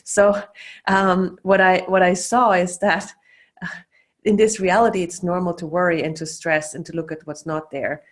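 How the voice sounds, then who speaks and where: A middle-aged woman from Austria facilitates a video call in casual teaching talk, speaking loosely with many fillers and restarts. Her voice is on the low side and steady, at a moderate pace.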